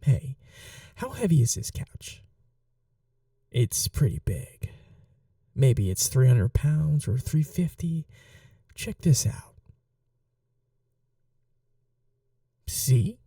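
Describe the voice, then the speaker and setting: Someone performs a full character voice as a courteous, obsessive vampire for intimate ASMR roleplay, speaking in a gravelly, mid-range, sing-song voice. The unhurried, smug delivery coaxes in soft murmurs that sink toward whispers, a quiet menace behind the manners. It's recorded dry, far from the mic.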